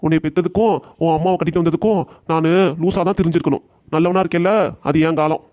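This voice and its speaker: திருநெல்வேலி வட்டார வழக்கில், மனைவியைக் கடுமையாகத் திட்டும் வயதான தாத்தாவாக ஒரு ஆண் குரல் கொடுக்கும் cartoon. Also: male voice, fairly high pitch, steady tone, fast talker, a little mellow, close to an everyday voice. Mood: bitter. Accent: Tirunelveli Tamil. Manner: gruff, scolding. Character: blunt older grandfather scolding his wife.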